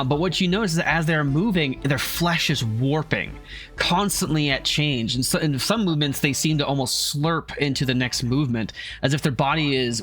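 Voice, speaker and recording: A man's voice: fairly high pitch, a bit bright. A man running a homebrew tabletop game as game master, narrating with many fillers and restarts.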